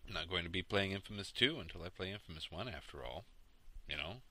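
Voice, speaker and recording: A man hosting a casual podcast, talking through his week in games in a relaxed, rambling, sleepy late-night way. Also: sits low, quick pace. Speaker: podcast host. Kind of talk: casual solo podcast chat about games.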